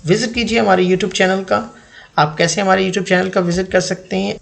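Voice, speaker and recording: A male English teacher in his thirties talks over lesson slides. His voice sits fairly high for a man and has a gravelly rasp. He speaks deliberately and says each example sentence twice. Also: flat delivery. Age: 30s.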